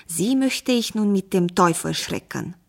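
A woman voicing a desperate, henpecked male farmer who whines and pleads loudly. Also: medium pitch, expressive, a little slow, creaky. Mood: whining. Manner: whining, pleading, raised voice.

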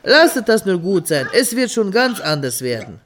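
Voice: medium pitch, sing-song, normal speed, fairly bright tone, slight background noise. Storyteller doing a pushy talking boar kid, eager, bouncy voice. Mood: confident. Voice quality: eager, insistent. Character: bold talking boar son. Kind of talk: fairy tale reading.

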